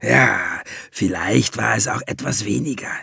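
A man's voice: lowish voice, a little slow, vocal fry, sharp tone, slightly rough, dry recording, studio quality, full character voice. A man doing a sly, mocking dwarf named Valiant. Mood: tall tale. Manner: sarcastic, needling. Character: sly, mocking male dwarf, blunt and gruff. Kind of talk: audiobook reading.

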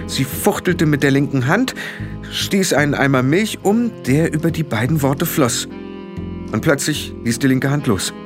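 Lebhafter männlicher Hörbuchsprecher mit Musik. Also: male voice, medium pitch. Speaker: audiobook narrator. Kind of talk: scripted narration.

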